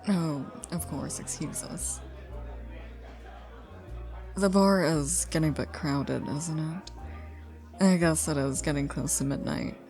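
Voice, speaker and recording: A deep-voiced woman speaks over music, acting out an intimate ASMR roleplay as a teasing stranger. Flirty and inviting, she coaxes playfully through a one-sided dialogue full of lingering teases and breathy asides.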